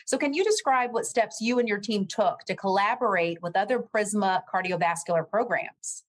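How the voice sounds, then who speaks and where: A woman hosting a professional podcast, asking measured, friendly questions of her guests. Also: medium pitch. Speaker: podcast host. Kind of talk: podcast interview.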